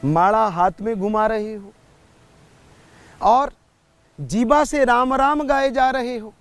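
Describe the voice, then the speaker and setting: A man giving a spiritual sermon, telling a story in a slow, measured way. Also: very high-pitched, clear, resonant tone, no echo. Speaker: spiritual preacher.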